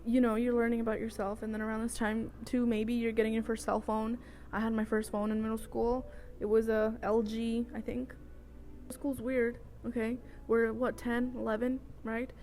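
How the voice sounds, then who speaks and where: With a fairly high but darkish voice, flat delivery, and normal speed, this woman from El Salvador, in her twenties, shares a personal story as a vlogger. She's casual and chatty, goes off on tangents, and keeps checking in with the listener, over homemade audio with noticeable noise.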